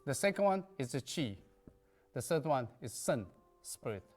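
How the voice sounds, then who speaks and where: A man's voice: mid-range voice, sing-song, moderate pace, darkish tone, soft background music. A man, a native Chinese speaker, teaching a qigong lesson in emphatic, non-native English that drops articles and verbs. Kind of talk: lecture.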